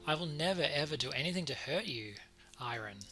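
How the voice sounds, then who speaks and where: A man's voice: on the high side, expressive, brisk, sharp tone. A man voicing a dazed, wounded man turning vampire in a visual novel, bewildered and earnest. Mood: earnest devotion.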